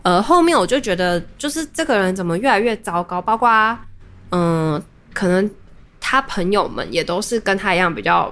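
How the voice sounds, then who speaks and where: A woman's voice: mid-range voice, lively intonation, normal speed, fairly bright tone. A young adult woman, hosting a podcast and telling a personal story in a casual, rambling way with many restarts. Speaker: podcast host.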